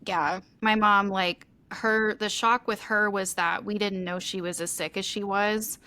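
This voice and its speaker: A woman's voice: mid-range voice, fairly even intonation, measured pace, sharp tone. A woman co-hosting a podcast, talking candidly and at length in a rambling, open way with many "like" fillers. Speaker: podcast co-host. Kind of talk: candid conversational chat.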